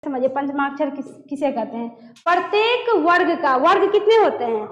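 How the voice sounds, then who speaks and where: High-voiced woman teaching in an echoey room. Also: animated, moderate pace, a bit bright, muffled recording. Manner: asks questions and answers them herself, repeats key terms. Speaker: Hindi grammar teacher. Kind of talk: classroom lesson. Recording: echoey room with long reverb.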